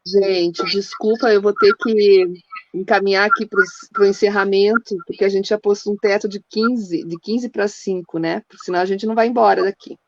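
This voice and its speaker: A woman's voice: medium pitch, fairly even intonation, dry recording, lo-fi sound. A woman moderator on a video call, politely and hurriedly wrapping up a panel. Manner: polite, apologetic, hurried wrap-up.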